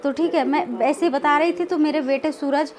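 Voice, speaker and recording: High-pitched woman in her 30s vlogging, rambly, lots of fillers, gets worked up. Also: moderate pace. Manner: rambling and hesitant, heavy filler words, grows agitated and loud. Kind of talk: casual storytelling vlog.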